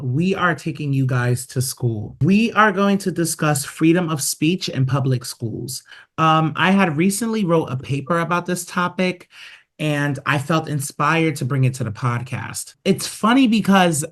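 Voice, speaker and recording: A man's voice: a little high, lively intonation, measured pace, a bit bright. A man hosting his podcast in casual solo talk, chatty and dotted with filler sounds. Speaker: podcast host.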